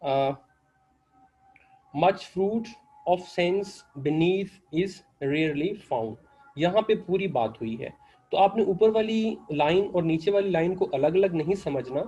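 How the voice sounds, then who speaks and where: A man's voice: a little high, dark tone, breathy edge, lo-fi sound. A man with a Pakistani accent teaching an English literature lecture online, explaining patiently, slipping into English and leaning on filler phrases.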